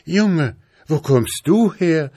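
A man's voice: mid-range voice, sing-song, measured pace, no room sound, studio quality, voice pushed up. A man doing a sad young princess. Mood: worried. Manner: sad, worried.

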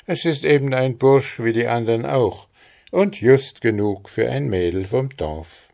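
A man's voice: mid-range voice, unhurried, vocal fry, a little mellow, voice pushed up. A man voicing a spirited young village girl in a storybook reading. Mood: earnest.

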